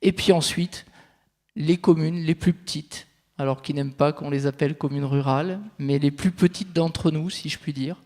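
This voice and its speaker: Presenting at a conference, a territorial consultant explains his material step by step in a slightly high voice with a darkish tone. His intonation is fairly even and his speed normal. The large venue makes for an echoey hall with a long reverb tail.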